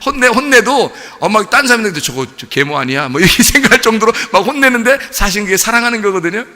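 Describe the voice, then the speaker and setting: A male pastor preaching a sermon in a lively way, asking rhetorical questions and laughing along. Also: very high voice, fast talker. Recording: long hall reverb.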